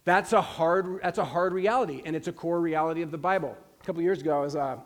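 A pastor in his forties delivers a sermon with a notably high voice. He speaks earnestly and with emphasis, often repeating a phrase to drive a point home. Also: quick pace. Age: 40s.

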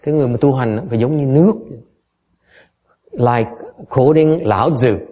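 Mellow-voiced male dharma teacher. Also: medium pitch, moderate pace, muffled recording. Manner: explains in English, then repeats in Vietnamese, often stumbling over repeated words. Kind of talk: bilingual dharma lecture.

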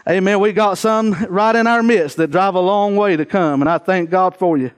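High-pitched man preaching an earnest sermon. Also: moderate pace, clean tone. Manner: earnest, exhorting, with repeated phrases for emphasis.

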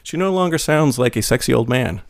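A man's voice: mid-range voice, brisk, vocal fry, a crowd in the background. A man hosting a podcast, reading a jokey scripted intro and then chatting casually with friends. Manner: lively, joking, animated delivery. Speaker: podcast host. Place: small room with friends.

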